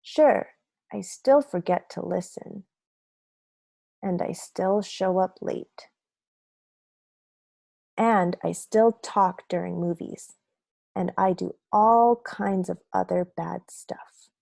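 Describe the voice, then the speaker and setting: Storybook seed , read by a woman: grumpy yet remorseful, confessional and dramatic, lowish and mellow, for young listeners. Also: takes it slowly, creaky, pauses often, no echo, studio quality, full character voice. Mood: hopeful, earnest. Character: grumpy, remorseful bad sunflower seed telling his story. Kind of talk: children's picture book read aloud.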